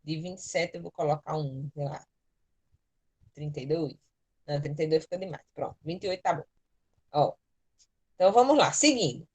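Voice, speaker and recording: A woman's voice: low-pitched, moderate pace, pauses often, darkish tone, slightly rough. A Brazilian woman teaching an online class, explaining spelling rules patiently and step by step into a computer mic. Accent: Brazilian Portuguese. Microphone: computer mic in a virtual class.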